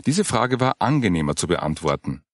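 A man narrating an audiobook story in a calm, steady reading manner. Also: sits low, moderate pace, no room sound, studio quality.

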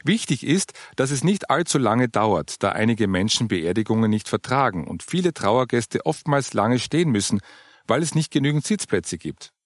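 A calm older churchgoing woman, patient and gently cheerful as she explains things, as a male narrator puts her on. Her voice sits a little higher than his usual tone and swings widely in pitch. The sound is dry and close. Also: normal speed, no room sound. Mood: explaining.

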